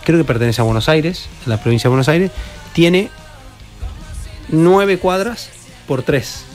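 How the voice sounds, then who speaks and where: A man's voice: a little high, a little slow, a little mellow, soft background music. A man with a Rioplatense Argentine accent, a professional padel player chatting as a guest in a radio studio and telling long anecdotes with many restarts. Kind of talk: casual radio interview.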